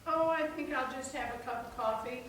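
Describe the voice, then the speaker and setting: Woman acting nosy female photographer, higher-pitched, probing, persistent, comic stage play, noisy distant recording. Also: fairly quick, natural voice. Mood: dry, insistent. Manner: probing, pointed questions. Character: nosy, persistent female celebrity photographer questioning diner staff. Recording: distant echoey hall, noisy, clicks.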